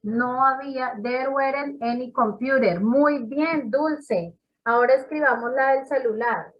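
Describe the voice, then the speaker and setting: A woman English teacher teaches a class slowly and encouragingly, praising students by name, explaining carefully and repeating examples. Her voice is high and the recording is muffled.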